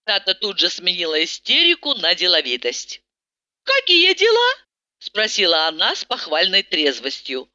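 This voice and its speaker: A woman narrating a story in a measured, unhurried way, in a dull, muffled studio recording. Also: lowish voice, animated, pushed and bright, dry recording. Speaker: audiobook narrator. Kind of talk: scripted narration.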